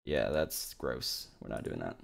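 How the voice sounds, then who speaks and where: A man casually talking to his stream chat while producing music, with relaxed, short asides to himself. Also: very deep voice, unhurried, vocal fry. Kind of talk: casual live-stream commentary while working.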